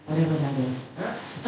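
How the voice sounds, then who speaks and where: This panelist artist from Cuba speaks slowly in a low register, her Cuban Spanish accent clear as she shares easygoing anecdotes with soft laughs in between. The recording comes from an echoey hall, distant from the microphone, muffled and faintly noisy.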